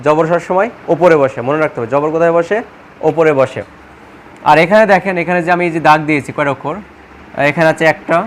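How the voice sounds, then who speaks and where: Man, patient lesson voice, reciting letters one by one, light background hiss. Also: on the high side. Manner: patient, repeats questions and answers them himself. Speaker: Quran reading teacher. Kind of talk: step-by-step spoken lesson.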